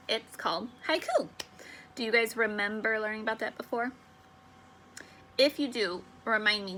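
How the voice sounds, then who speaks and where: A young woman teaching a remote lesson to children, upbeat and encouraging, slowing down to sound out syllables. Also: a little high, bright, forceful tone, a little hiss or hum. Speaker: elementary school teacher.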